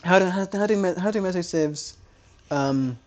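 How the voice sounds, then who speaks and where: A man's voice: high-pitched, moderate pace, darkish tone. A man casting a strategy game live, talking in a chatty, rambling way, often restarting his sentences. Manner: rambling, self-correcting, chatty. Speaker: esports caster.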